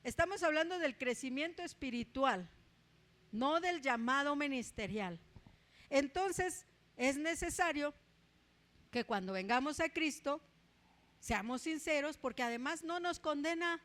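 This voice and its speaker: High-voiced Mexican woman preaching. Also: animated, measured pace, a bit bright. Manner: chatty, tags asides with ¿verdad?, tells personal stories with humor. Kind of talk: conversational sermon.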